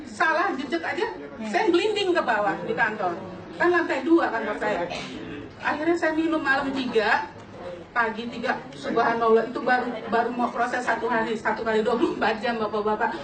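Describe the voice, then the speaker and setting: A woman in her late forties tells her own story to a seated audience, her voice pitched high and full of life, often breaking into laughter. She sounds distant from the microphone, and her words echo around a big hall with a crowd close by. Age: late 40s. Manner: animated, laughing often, addresses the audience directly. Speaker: customer giving a testimonial. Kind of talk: lively personal testimony to an audience.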